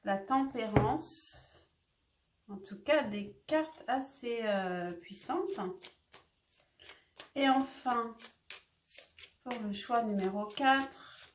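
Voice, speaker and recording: A woman's voice: on the high side, very slow, pauses often, slight background noise. A woman doing a casual tarot reading, talking hesitantly with lots of fillers and restarts. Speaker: tarot reader. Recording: echoey room.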